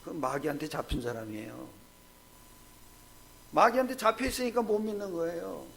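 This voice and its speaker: Korean guy pastor preaching a sermon, high voice all over the place, keeps asking the room questions then shouting the answers. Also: normal speed, gravelly. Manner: animated preaching with rhetorical questions, swinging from hushed to shouted. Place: church sanctuary.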